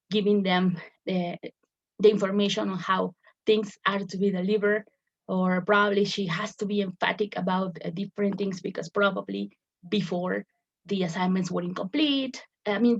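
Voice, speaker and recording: A woman's voice: medium pitch, creaky. A woman teacher explaining a lesson step by step, often repeating words as she searches for the phrasing. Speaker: English teacher. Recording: dull lo-fi recording.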